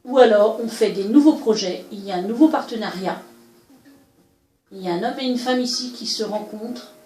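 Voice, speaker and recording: A woman doing a solo oracle card reading, musing aloud and pausing often with hesitations as she interprets each card. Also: mid-range voice, warm tone, echoey room, low-quality recording. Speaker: card reader. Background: faint background music.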